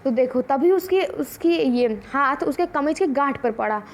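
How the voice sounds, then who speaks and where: Female teacher, high voice, repeats lines slowly for young kids. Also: expressive. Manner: repeats lines slowly, asks the class questions. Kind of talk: explaining a children's story lesson.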